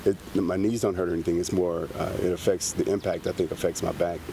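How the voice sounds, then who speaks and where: A man's voice: low voice, level tone, fast talker, vocal fry, background noise. A man answering a street interview in an easygoing, rambling way.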